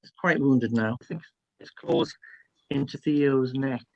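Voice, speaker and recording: A man's voice: mid-range voice, steady tone, measured pace, a little mellow, highs cut off. A man running a tabletop role-playing game as game master, narrating it in a hesitant, piecemeal way.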